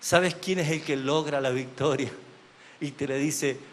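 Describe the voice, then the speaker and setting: A man preaching a sermon as pastor, swinging between loud proclamation and hushed, drawn-out phrases. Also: medium pitch. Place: church sanctuary. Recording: long church hall reverb.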